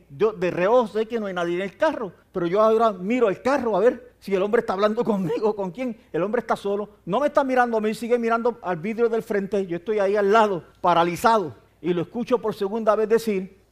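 An older male preacher with a notably high-pitched voice. He tells a personal testimony in a storytelling way, acting out the dialogue.

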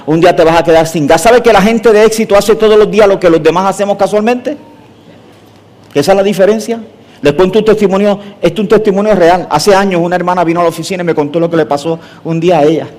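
Middle-aged male pastor, slightly high voice, dramatic sermon storyteller. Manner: theatrical, animated storyteller.

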